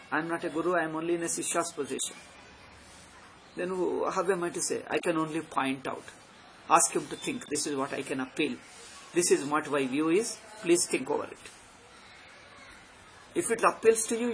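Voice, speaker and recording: A man's voice: on the high side, fairly quick, a bit bright, rough recording. A man with a South Indian accent giving an extempore spiritual discourse, exhorting emphatically and repeating his points with short tag questions. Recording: background noise.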